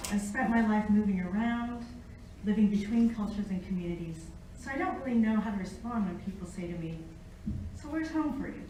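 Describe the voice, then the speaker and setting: A middle-aged American woman, born in Japan, is an academic guest speaker and Latin researcher giving an informal public lecture with personal stories. Her mellow, medium-pitched delivery is conversational, and she asks the audience questions. A distant mic picks her up in a very echoey room with faint noise.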